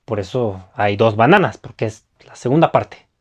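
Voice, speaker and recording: A man teaching English pronunciation in a video lesson, repeating words slowly and clearly. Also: fairly low pitch. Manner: lively, models words slowly and repeats them.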